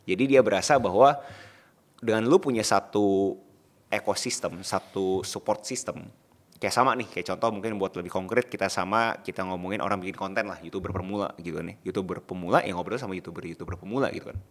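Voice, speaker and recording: A man's voice: sits low, brisk. A man co-hosting a podcast, talking casually in slang and putting probing questions to his partner. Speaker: podcast co-host.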